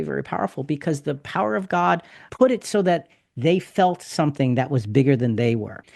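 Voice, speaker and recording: A man's voice: a little high, creaky, darkish tone, no echo, studio quality. Emphatic man leading a Bible discussion. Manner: emphatic, explanatory, repeats key points. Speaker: podcast host.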